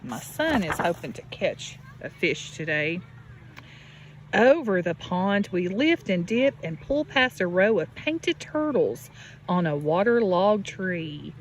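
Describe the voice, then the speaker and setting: A woman reads aloud to small children at a farm pond, acting as their teacher and talking to them directly in an instructive way. Her voice is fairly low and expressive, and she takes her time. The outdoor recording carries nature noise like a creek and animal calls.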